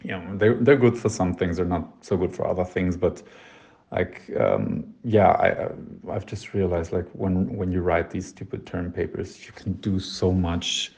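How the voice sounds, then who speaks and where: Late-twenties German man, casual voicemail, halting and self-deprecating, gravelly low voice. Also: steady tone. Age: 20s. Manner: rambling, hesitant, full of fillers and restarts; self-deprecating, soft laughs. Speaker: voicemail sender. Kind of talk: casual voice message.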